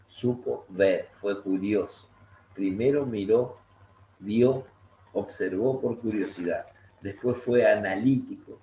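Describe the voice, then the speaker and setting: A man's voice: fairly low pitch, creaky. A man with an Argentine accent, a guest teacher patiently explaining things in an online talk and repeating key words rhythmically. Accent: Argentine Spanish. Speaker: guest teacher of Guaraní language and culture. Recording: echoey muffled room with faint noise.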